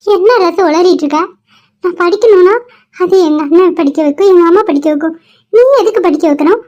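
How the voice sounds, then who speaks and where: A flustered young cartoon woman, trapped by a marriage she does not want, as a woman voices her. Her voice is very high. The sound is dull and lo-fi. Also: brisk, darkish tone. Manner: pleading, flustered. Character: troubled young village woman facing an unwanted marriage. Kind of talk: dubbed cartoon dialogue. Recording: dull lo-fi recording.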